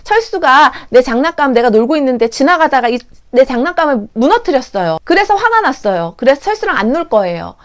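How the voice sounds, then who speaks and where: A small preschool child, played by a woman, tells plaintively what went wrong and why it hurt. The voice sits high and swoops up and down a lot, in a childlike, complaining way. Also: very animated, a little fast, hardly any pauses. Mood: hurt, telling.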